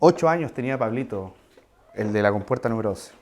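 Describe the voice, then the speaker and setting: A man's voice: on the low side, animated, fast talker, slight background noise. A man preaching a sermon in a conversational way, with asides and questions to the congregation.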